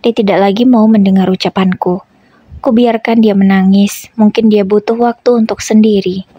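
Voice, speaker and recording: A woman narrating a first-person story in a calm, gentle way. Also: mid-range voice, normal speed, husky, dry recording, muffled recording.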